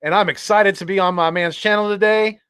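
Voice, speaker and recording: A man from Northern California joins a sports podcast as a guest, his voice sitting a bit high. He chats in an upbeat way, often stopping to restart with "uh" and "I'm." The sound is dry and close, with no room behind it. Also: steady tone, a bit bright, clean tone, dry recording. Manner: upbeat, chatty, halting with fillers. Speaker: guest YouTuber. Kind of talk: casual sports podcast chat.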